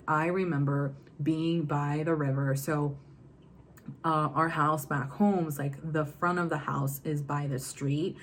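Slight background noise sits behind this low-pitched young woman from Virginia in the US. Working as a love and confidence coach, she chats casually to camera, repeatedly falling back on "go ahead and."

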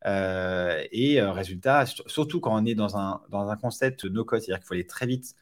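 Low-voiced man, hesitant podcast guest. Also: moderate pace. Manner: hesitant, many fillers and restarts. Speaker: startup founder guest. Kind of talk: casual podcast interview.

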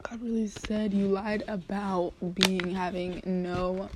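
A woman's voice: mid-range voice, monotone, takes it slowly, background noise. A woman chatting to camera in a casual solo vlog, rambling and drifting between normal talk and whispers, her voice going dry and failing. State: losing her voice, dry-throated. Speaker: vlogger.

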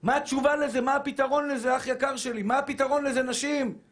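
Fervent high-voiced preaching rabbi. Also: male voice, steady tone. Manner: fervent, shouting, repeats phrases for emphasis; addresses listeners as brothers and dear souls. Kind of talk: impassioned Torah sermon.

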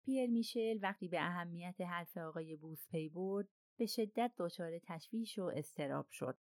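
Audiobook narrator, woman, steady novel reading, lowish voice, dry close sound. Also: dry recording. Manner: steady storytelling delivery.

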